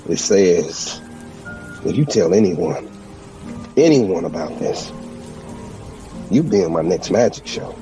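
A smug, threatening male crime boss plays at being a fortune teller in an audio drama. His pitch swings with lively, taunting emphasis, and music plays clearly behind him. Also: slow pace, pauses often, recorded from a distance, poor audio. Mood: mocking menace.

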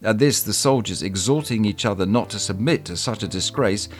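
A man hosting a podcast, reading historical documents aloud in a measured, expressive way. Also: fairly low pitch, soft background music. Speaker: podcast host and reader.

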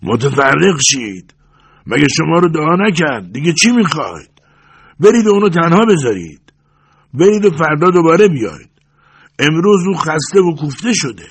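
A man voicing an emotional, passionate middle-aged merchant in an audiobook, with a loud, hoarse voice that swings between shouting and pleading. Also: lowish voice, sing-song, full character voice. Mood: angry shouting. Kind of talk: audiobook character voice.

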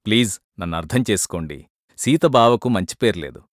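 A man's voice: fairly low pitch, expressive, brisk, no room sound, clean studio sound, close to an everyday voice. A man voicing an earnest young husband who is suspicious but polite, speaking in a pleading way during a storybook reading.

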